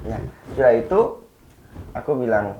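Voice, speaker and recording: A man's voice: medium pitch, normal speed, highs cut off, a little hiss or hum. Man retelling an eerie story casually. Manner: conversational, acts out quoted dialogue with a friend. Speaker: storyteller guest. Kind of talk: casual retelling of a ghost experience.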